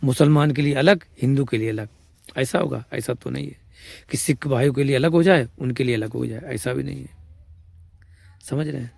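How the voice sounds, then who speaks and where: Giving an informal discourse as a spiritual teacher, a man with a Braj-region Hindi accent speaks at a moderate pace in a gravelly, darkish mid-range voice, recorded with no room sound. He patiently explains, repeats himself, and asks "samajh rahe hain?" to make sure listeners follow.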